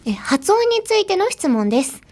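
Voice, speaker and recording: Hosting a casual bilingual podcast chat, this young Los Angeles woman with an American English accent laughs a lot while moving between languages. Her very high voice has a darkish tone and is very animated, and she talks fairly quickly.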